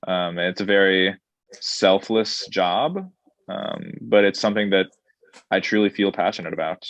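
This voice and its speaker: A restaurant director answering interview questions in a thoughtful, measured way, pausing with ums and restarting his phrases. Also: sits low, fairly even intonation, fairly bright tone, no room sound, dull audio. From born in Saudi Arabia, grew up in Indonesia.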